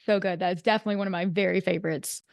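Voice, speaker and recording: A woman's voice: lowish voice, steady tone, very fast, creaky, no echo. Affirming woman podcast host, dry sound. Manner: affirming, frequent encouraging interjections. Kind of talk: interview host.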